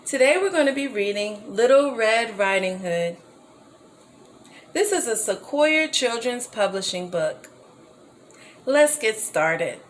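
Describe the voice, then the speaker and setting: A woman reading a children's story aloud as a storybook reader, slow and gently expressive. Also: a little high, a little hiss or hum, poor audio.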